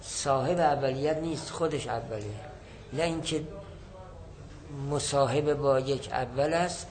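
A man with a medium-pitched, slightly mellow voice lectures on a classical Arabic text in a rough recording. Teaching a lesson, he reads the text and explains it line by line, repeating and rephrasing his points.

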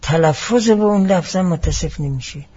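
Seminary teacher guy lecturing, highish mellow voice, careful explaining, muffled old recording. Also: slightly rough. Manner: deliberate, explanatory, weaves in Arabic phrases. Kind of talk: classroom lecture.

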